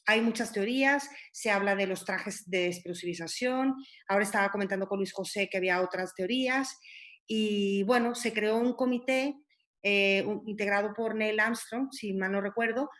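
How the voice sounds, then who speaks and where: A woman's voice: medium pitch, normal speed, a bit bright. A woman in her forties, a panelist on a live stream, recalling past events with hesitant restarts. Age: 40s.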